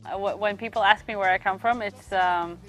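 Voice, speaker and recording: A young woman from Sweden, a youth worker giving reflective interview answers, pausing often to find her words. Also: mid-range voice, fairly even intonation, a bit bright, faint music behind. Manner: thoughtful, pauses often to search for words.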